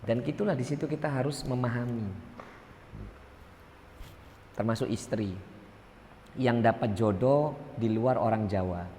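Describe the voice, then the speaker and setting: A man's voice: mid-range voice, unhurried, long pauses, mellow, slight background noise. A man with a Medan accent from North Sumatra, preaching to a mosque congregation in a conversational, joking way, asking them questions. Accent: Medan Indonesian. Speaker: ustadz teaching a mosque study circle. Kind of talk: sermon. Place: large mosque hall. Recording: echoey mosque hall with long reverb.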